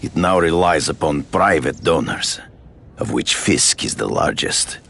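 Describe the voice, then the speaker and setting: An actor playing a proud, obsessive hunter villain in a video game, speaking in grandiose, formal, deliberate phrases with a gravelly voice. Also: male voice, expressive, fairly bright tone, slight background noise, full character voice. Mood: grave, resigned. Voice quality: deep, gravelly voice.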